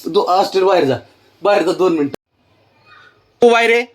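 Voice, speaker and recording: Man coaxing a pet in lively baby talk. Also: high voice, moderate pace. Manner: gentle, coaxing, repeats reassurances. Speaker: pet owner vlogger.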